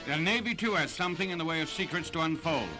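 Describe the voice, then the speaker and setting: A man's voice: on the high side, expressive, fast talker, over loud music. A man giving punchy, dramatic old newsreel narration.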